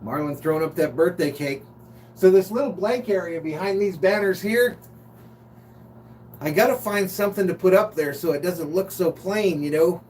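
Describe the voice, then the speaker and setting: An American man from Los Angeles hosts a live sports stream, chatting informally and chummily with viewers and reading out their comments. His high-pitched, slightly mellow voice moves at a moderate pace, picked up by a distant mic with a noisy hum.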